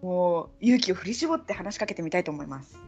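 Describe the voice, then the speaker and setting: A woman from Saga with a Kyushu dialect, hosting a podcast in casual chat and quickly chiming in agreement. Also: lowish voice, expressive, a little mellow, slightly rough, dull audio, faint music behind. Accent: Kyushu dialect, Chikugo-tinged. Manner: chatty, quick agreeing interjections. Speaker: podcast host.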